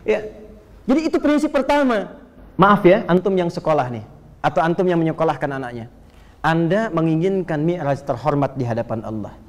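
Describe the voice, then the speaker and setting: A man giving a lively, joking sermon and speaking straight to his listeners. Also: on the high side, fairly quick. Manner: animated, joking, addresses listeners directly. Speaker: Islamic preacher. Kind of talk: lively sermon to a live audience. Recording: long reverb of a lecture hall.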